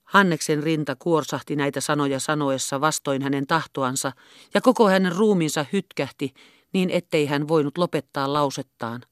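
A woman narrates a classic novel in a steady, even audiobook reading. Her voice is smooth and resonant, recorded close and dry with no room sound. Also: sits low, no echo. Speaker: audiobook reader.

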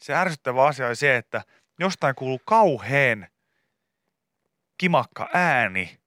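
A man's voice: mid-range voice, big pitch swings, pushed and bright, no echo, clean studio sound. A man hosting a morning radio show, chatting casually and telling rambling stories. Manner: rambling storyteller, laughs while talking. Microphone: studio microphone.

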